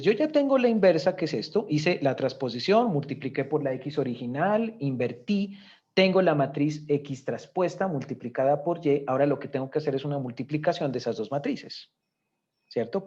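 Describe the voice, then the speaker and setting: A man's voice: fairly high pitch, expressive, moderate pace, darkish tone, husky, highs cut off. A man teaching a recorded economics lesson, explaining step by step and often checking in with his students. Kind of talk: recorded lecture with spreadsheet walkthrough.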